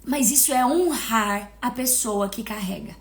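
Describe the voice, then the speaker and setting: A woman with a Brazilian accent giving an emotional devotional teaching, stressing key words by slowing down. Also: fairly high pitch, expressive. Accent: Brazilian Portuguese.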